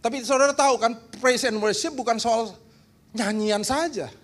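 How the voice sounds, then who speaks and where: High-voiced Indonesian pastor joking through a sermon. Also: male voice, moderate pace. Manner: humorous, teasing the congregation, animated. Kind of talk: lively church seminar sermon. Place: church hall.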